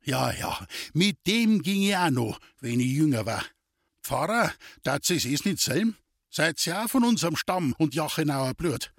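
A man's voice: on the high side, very animated, measured pace, creaky, no echo, clean studio sound, full character voice. Man playing a good-natured old Bavarian farmer. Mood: reminiscing. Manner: warm-hearted, rambling.

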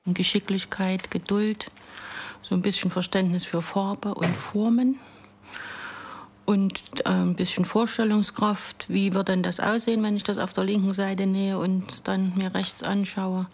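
A woman's voice: medium pitch, steady tone, a little slow, husky. A woman instructor answering interview questions in a thoughtful, listing manner. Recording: distant mic.

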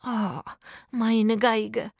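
Eine Erzählerin, die in einer Kinderhörgeschichte einen erfinderischen Jungen spricht, leise murmelnd. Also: female voice, on the low side, lively intonation, normal speed, breathy edge, no room sound, studio quality. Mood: plotting. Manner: murmuring, whispering. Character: boy violinist, inventive.

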